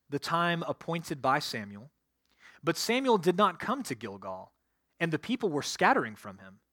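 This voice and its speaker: A man's voice: fairly high pitch, fairly bright tone, no room sound. Man preaching in a dry, close sound. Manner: expository preaching, reading scripture aloud and explaining it. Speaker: pastor. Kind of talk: sermon.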